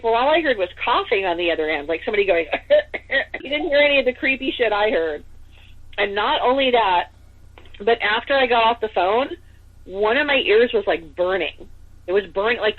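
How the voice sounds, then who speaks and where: Chatty woman over a tinny phone-like line. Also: mid-range voice. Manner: chatty, full of "like" and "you know". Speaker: podcast guest. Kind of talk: casual storytelling.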